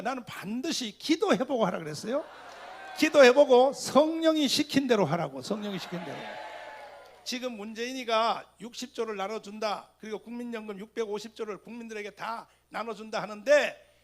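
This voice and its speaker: A man giving a fiery rally speech, firing rhetorical questions at the crowd, with sudden loud bursts and religious exclamations. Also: very high-pitched, gravelly. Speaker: speaker addressing a political rally.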